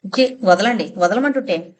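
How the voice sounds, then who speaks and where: A woman voicing a grieving middle-aged mother who shouts at her husband in scornful, fast bursts. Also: medium pitch, lively intonation, lightly acted. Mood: furious.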